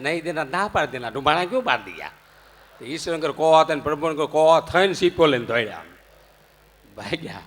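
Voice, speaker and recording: A man with a Gujarati accent giving a humorous religious discourse, telling anecdotes and rising into loud punchlines. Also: fairly high pitch. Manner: jokey, anecdotal, animated swings into loud punchlines. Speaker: religious storyteller. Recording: long hall reverb.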